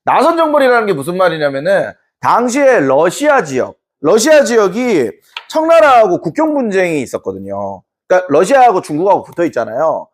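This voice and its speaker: Playful male history teacher, high and animated, lecturing to a class. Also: a little fast. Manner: playful, acts out quotes, laughs often.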